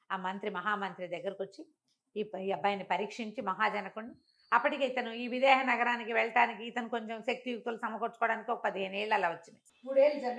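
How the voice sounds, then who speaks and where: In a relaxed interview, an elderly woman recounts a traditional tale with a moral. When she quotes the characters, her voice jumps dramatically in pitch, keeping the telling lively and animated.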